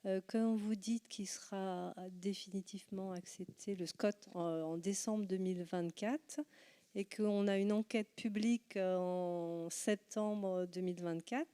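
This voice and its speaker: A woman's voice: medium pitch, steady tone, measured pace, mellow, smooth. A woman, a local resident, asking a hesitant question at a public meeting, admitting she is a bit lost. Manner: hesitant, confused.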